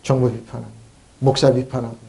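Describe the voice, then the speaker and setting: A man preaching a sermon as a pastor. He talks in an animated way, asks rhetorical questions, mocks the complaints of believers, and calls for amens. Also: mid-range voice, fast talker, vocal fry. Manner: calls for amen responses.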